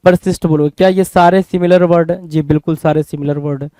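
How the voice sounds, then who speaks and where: A man's voice: on the high side, steady tone, fast talker, dark tone, no echo. An Indian man teaching an exam-prep vocabulary lesson, asking questions and answering them himself, repeating each word as a drill. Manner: repetitive, drilling.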